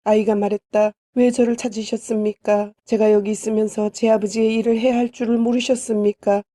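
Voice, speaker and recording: Woman reading the bible aloud, measured and even, dry close sound. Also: fairly high pitch, dry recording. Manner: steady, measured recitation. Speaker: Bible reader. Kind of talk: scripted scripture reading.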